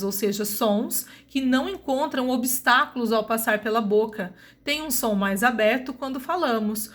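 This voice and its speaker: A woman teacher with a Brazilian Portuguese accent giving a recorded grammar lesson, slowly and deliberately spelling out sounds. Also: fairly high pitch, fairly bright tone.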